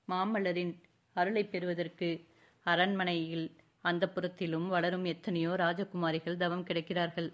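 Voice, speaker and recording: A woman's voice: lowish voice, natural voice. A woman narrator voicing a proud young dancer, a sculptor's daughter, who speaks bitterly and formally through her pet fawn.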